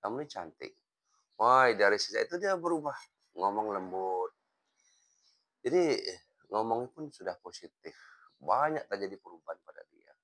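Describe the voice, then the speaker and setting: A man, a hypnotherapist and life coach, giving a motivational talk as a story in an unhurried, conversational way with frequent pauses. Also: lowish voice, very animated, a bit bright.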